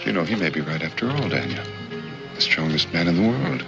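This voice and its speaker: An actor playing a refined, cautious frontier companion in a TV western, measured and formally polite. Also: male voice, sits low, sing-song, gravelly, heavily acted. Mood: wry concern. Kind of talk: 1960s television western acting. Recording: dull old TV soundtrack with music.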